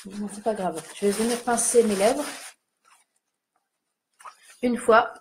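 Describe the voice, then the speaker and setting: A woman's voice: medium pitch, fairly even intonation, takes it slowly, darkish tone, slight background noise. A young woman chatting casually while doing a makeup tutorial, self-mocking and talking to her viewers as she applies lipstick. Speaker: beauty vlogger.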